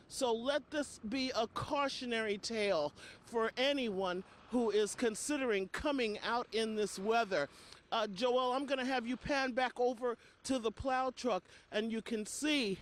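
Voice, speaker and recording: A woman delivering live field news reports with an emphatic on-air delivery, recorded outdoors on location. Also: a little high. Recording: outdoor field audio with faint noise.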